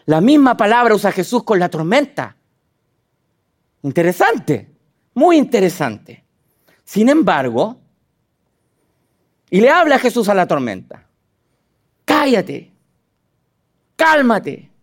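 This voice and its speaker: A man preaching a sermon in a high, sing-song voice that leaps up and down. He talks animatedly and puts direct questions to his listeners. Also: a little slow, long pauses. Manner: animated, acts out quotes with sudden high dramatic voices.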